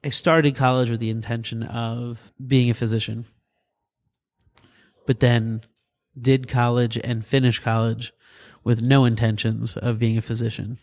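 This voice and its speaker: A middle-aged man from New Jersey, a paramedic and doctor, telling lively stories in a casual interview and laughing as he talks. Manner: animated, laughs through stories, quick pitch jumps. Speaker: guest, paramedic and EMS physician.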